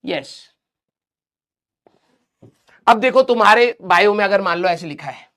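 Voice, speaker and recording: A man's voice: sits high, lively intonation, a little slow, sharp tone. A man teaching a live online class, chatty and teasing, joking with his students between lessons. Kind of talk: casual live-class banter.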